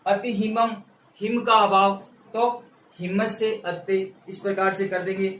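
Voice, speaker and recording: A man's voice: high voice, fairly even intonation, unhurried, fairly bright tone, a little hiss or hum. A male teacher giving an exam-prep grammar lesson, explaining step by step, repeating key words and asking questions that he answers himself. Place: room with a board he writes on. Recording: echoey room, mic far off.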